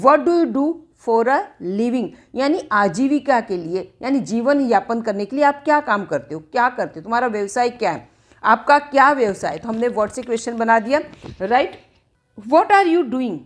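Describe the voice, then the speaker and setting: A woman with a high voice teaches an English grammar lesson, explaining in Hindi. She reads her English example sentences slowly and carefully, often saying them twice.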